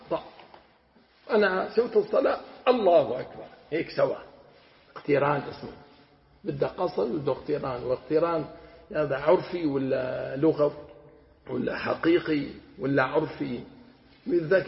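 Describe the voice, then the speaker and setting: Levantine sheikh, gravelly voice, teaches by posing his own questions, recorded in a reverberant hall. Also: a little high. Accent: Levantine Arabic. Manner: digressive, asks and answers his own questions. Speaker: sheikh teaching Quranic exegesis. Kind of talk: colloquial religious lesson. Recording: echoey hall, dull lo-fi sound.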